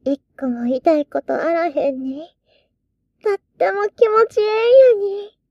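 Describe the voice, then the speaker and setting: A coy little succubus girl with bat wings, coaxing in a soft Mie dialect. Her voice is extremely high and her delivery slow and drawn out. The recording is dry and slightly dull. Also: animated, no echo, exaggerated voice. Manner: sweet, teasing, drawn-out coaxing speech. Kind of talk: tabletop role-play scenario voicing.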